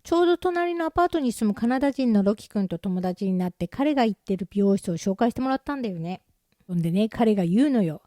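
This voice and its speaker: Chatty woman vlogger with a mellow, warm voice and dry, close sound. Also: medium pitch, fast talker, dry recording. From Japan. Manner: chatty and self-mocking, with lively asides. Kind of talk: casual storytelling.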